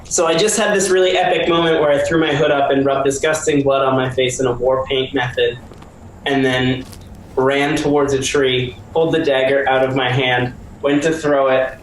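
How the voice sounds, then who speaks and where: A man's voice: medium pitch, fairly even intonation, moderate pace. Dnd player guy, playful, laughs a lot, roomy echo and a bit of hiss. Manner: playful, laughs while telling his moves. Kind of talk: casual table talk.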